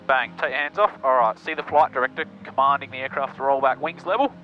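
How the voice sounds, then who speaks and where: A man's voice: medium pitch, quick pace, lo-fi sound. An Australian man chatting breezily and casually as a pilot vlogger, using matey slang over a cockpit headset. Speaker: pilot and presenter of a flying vlog. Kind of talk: casual cockpit chat and radio calls. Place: small propeller plane cockpit in flight. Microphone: aviation headset. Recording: band-limited aircraft headset audio, music underneath.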